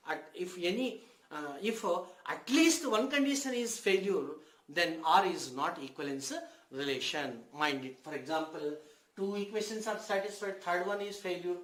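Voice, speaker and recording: A man with a high-pitched voice teaches a class at the board. He dictates slowly, phrase by phrase, often repeating himself. The room rings with echo around his words. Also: a bit bright. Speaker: mathematics teacher. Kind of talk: board lesson for senior school students. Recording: echoey room sound.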